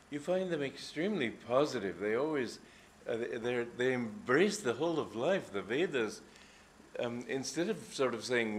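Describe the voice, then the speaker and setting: Older guy teaching spiritual stuff, thoughtful and unhurried, lots of uhs, faint hiss behind. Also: mid-range voice. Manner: reflective, anecdotal, unhurried with frequent hesitations. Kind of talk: informal spiritual talk. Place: gathering hall.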